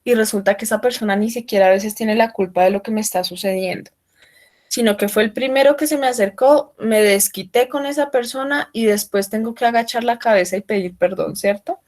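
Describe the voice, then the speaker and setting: A woman giving an online workshop, explaining loudly and often checking in with her listeners. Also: mid-range voice, a little fast. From Colombia. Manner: explanatory, asks frequent check-in questions; speaking loudly for remote listeners. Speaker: workshop trainer. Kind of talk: online training talk.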